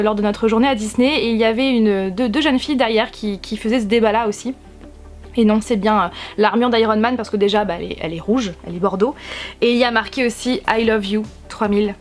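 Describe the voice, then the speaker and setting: Excited young woman gushing over purchases. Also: fairly high pitch, fast talker, faint music behind. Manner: enthusiastic, gushing, many restarts. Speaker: YouTube vlogger. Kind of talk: casual haul video chat. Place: warm room at home with a fan running. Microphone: camera-mounted shotgun mic.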